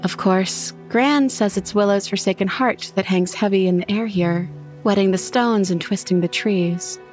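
A woman reading a first-person horror story in an intimate, expressive way. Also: medium pitch, normal speed, faint music behind. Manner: intimate, expressive, voices her own character's lines. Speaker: narrator.

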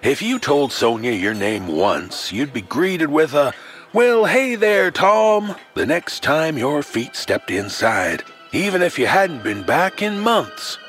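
A horror anthology storyteller delivers a scripted tale with theatrical flair, his mid-pitched voice swooping expressively as he speaks to the listener in a wry, folksy way. He's very animated and unhurried, with hardly any pauses, while a soft musical score plays faintly behind.

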